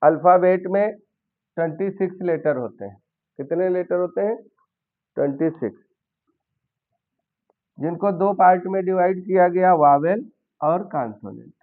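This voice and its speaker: A man with a high-pitched voice teaches a basic English grammar lesson in Hindi, going step by step and putting questions to his learners. He speaks a little slowly and pauses often, and the recording has a tinny, phone-like sound.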